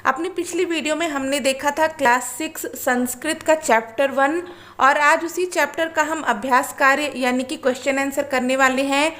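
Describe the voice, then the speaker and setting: A woman's voice: high voice, fairly even intonation, pushed and bright. A woman tutor, explaining a lesson and carefully pronouncing words one by one. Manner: slow, careful word-by-word pronunciation drills.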